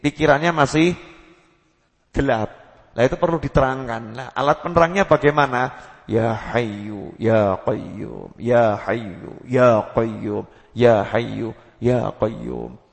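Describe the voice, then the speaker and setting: A man giving a sermon to a gathering, lively, acting out quotes and chanting dhikr phrases. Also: mid-range voice, vocal fry. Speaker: preacher. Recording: long hall reverb.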